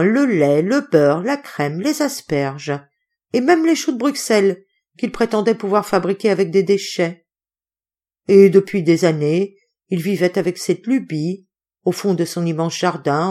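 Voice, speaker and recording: A woman reading a novel aloud as an audiobook, in an expressive, lively way, raising her voice for the townsfolk's cries. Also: medium pitch. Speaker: audiobook reader.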